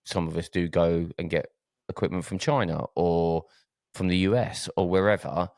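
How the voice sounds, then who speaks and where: A man's voice: sits low, steady tone, moderate pace, darkish tone, no echo, clean studio sound. A man from Essex with an Essex accent hosting a casual podcast chat, hesitating and repeating words as he goes. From Essex, England. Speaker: podcast host.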